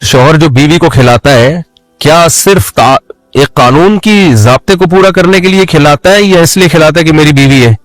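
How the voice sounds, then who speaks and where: A man's voice: on the high side, no echo, soft background music, low-quality recording. A man giving a religious lecture in a conversational way, often putting rhetorical questions to his listeners. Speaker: Islamic preacher.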